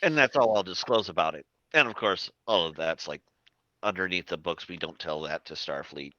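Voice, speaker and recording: Bright-voiced male game master, rambling. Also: low-pitched, moderate pace, no echo, muffled recording. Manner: rambling, many fillers. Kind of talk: narrating a tabletop game.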